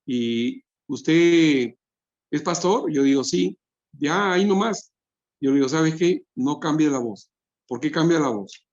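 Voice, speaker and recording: A man's voice: medium pitch, darkish tone, muffled recording. A man, a pastor preaching a sermon to couples, quoting scripture and asking rhetorical questions.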